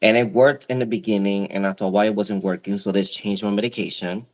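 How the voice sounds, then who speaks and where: A man with a Spanish accent talks candidly in a casual chat, his lowish voice steady in tone and fairly quick. He rambles and often breaks off mid-sentence.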